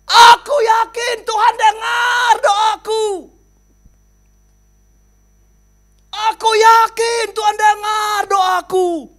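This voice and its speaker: Stubborn devout old villager, shouting and drawn-out, as a preacher voices him in a sermon story. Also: male voice, very high-pitched, voice pushed up. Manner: shouting insistently, slow and emphatic.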